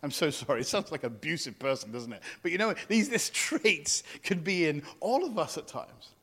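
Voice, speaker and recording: A man's voice: a little high, big pitch swings, normal speed, fairly bright tone, in a large hall. A man, a pastor, giving a teaching sermon and animatedly acting out the voices of the people he quotes.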